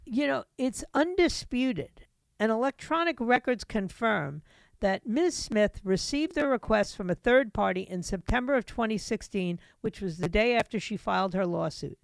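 A woman's voice: a little high, lively intonation, normal speed, gravelly, dry recording. Talk radio host: middle-aged woman, sardonic and opinionated, dry close mic. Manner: opinionated, sardonic, conversational with asides.

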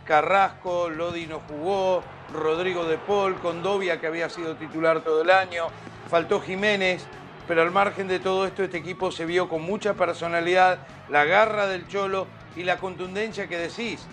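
A man's voice: high voice, fairly even intonation, normal speed, a bit bright, faint music behind. A man giving conversational football analysis as a pundit, emphatic and repeating words for weight.

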